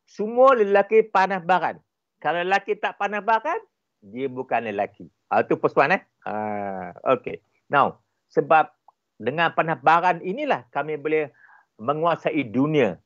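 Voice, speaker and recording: A man with a Malaysian Malay accent, a relationship expert giving animated, emphatic explanations in an interview. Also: on the high side, dry recording, muffled recording. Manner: animated, emphatic, repeats points for effect.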